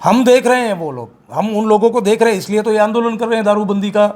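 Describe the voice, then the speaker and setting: High-voiced man, forceful activist. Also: fast. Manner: forceful, repetitive, emphatic. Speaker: campaign activist. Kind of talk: interview, political criticism.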